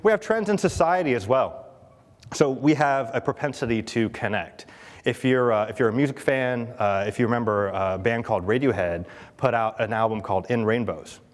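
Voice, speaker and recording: A man's voice: medium pitch, brisk. Chatty man giving a keynote in a hall. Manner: chatty, asks the audience questions, many fillers. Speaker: conference speaker. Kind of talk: conference keynote talk. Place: large conference hall. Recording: long hall reverb.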